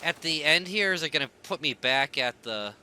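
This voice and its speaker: A man's voice: a little high, lively intonation, moderate pace, sharp tone, slight background noise. A man streaming a game with casual, irreverent, sarcastic and sweary live commentary.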